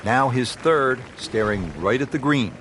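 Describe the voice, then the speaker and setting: A man voicing a calm golf play-by-play announcer in a video game, calling shots in a measured way. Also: medium pitch, slight background noise, natural voice. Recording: game audio with music and crowd.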